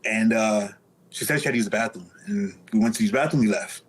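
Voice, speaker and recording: A man's voice: on the low side, fast talker, husky, rough recording. A man speaking candidly as an interview guest, telling stories casually in streetwise slang with some swearing.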